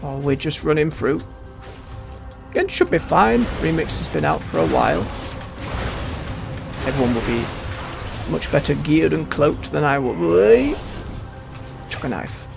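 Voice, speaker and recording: A man's voice: fairly high pitch, sing-song, a little slow, creaky, pauses often. A man giving rambling, understated casual commentary as he plays a game. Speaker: game streamer. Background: game music.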